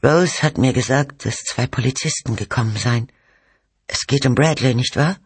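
A frail, distraught mother speaks in a raised, strained pitch, as a male reader puts her on. She is bitter and accusing, with breathless outbursts and a husky edge. The recording is dry and close. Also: normal speed, no room sound, natural voice. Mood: anxious. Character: frail distraught mother, middle-aged woman.

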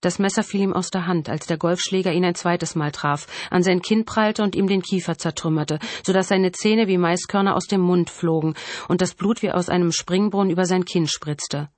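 A woman's voice: lowish voice, steady tone, darkish tone, no echo. Woman narrating a thriller audiobook. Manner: measured, dramatic storytelling. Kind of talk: first-person scripted narration.

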